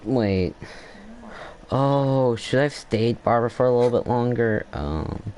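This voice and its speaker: A gameplay streamer gives casual commentary, rambling as he thinks aloud and trailing off mid-sentence. His medium-pitched voice is darkish in tone and slow in pace.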